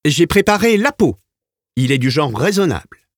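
A man's voice: on the high side, sing-song, normal speed, no room sound, clean studio sound, voice pushed up. A man voicing a cheerful coachman who jokes and teases as he talks. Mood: jovial. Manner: jovial and teasing. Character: cheerful, joking adult male coachman.

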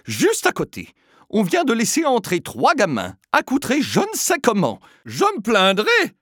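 A man voicing an indignant middle-aged mother in a spoken story, protesting in a sour, shrill tone. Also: huge pitch swings, unhurried, fairly bright tone, no echo, studio quality, full character voice.

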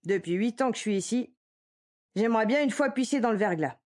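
A woman's voice: fairly high pitch, expressive, brisk, darkish tone, voice pushed up, lightly acted. Woman reading as a jaded barman, polite, bored, yawning tone, storybook. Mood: wistful. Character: weary middle-aged male barman, disillusioned.

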